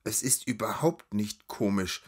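A man voicing a serious young noble girl on the run in a storybook reading, urgent and hushed. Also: on the low side, unhurried, breathy edge.

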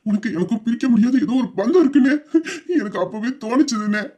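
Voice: medium pitch, fast talker, dark tone, lightly acted. Audio drama: performer playing a tearful younger brother, rambling and moved. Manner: tearful, rambling, breaking into laughs and sobs. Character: devoted younger brother, young man, overwhelmed. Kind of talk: amateur Tamil audio drama.

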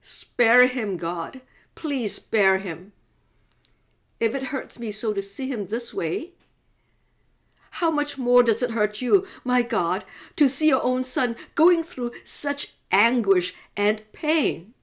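A woman performs a slow, emotive religious monologue as an anguished, devout middle-aged mother pleading as she grieves for her son. Her voice is on the high side and animated.

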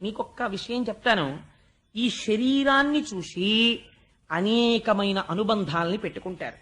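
An older man giving a spiritual discourse, telling a story and breaking into chanted verse, swinging from soft asides to loud emphasis. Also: sits high, unhurried. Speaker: religious discourse speaker.

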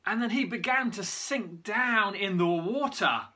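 A church leader giving a lively Bible story talk for online worship, using props and sometimes stumbling over names. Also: mid-range voice, a little slow. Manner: lively storytelling with props, loses track and corrects itself.

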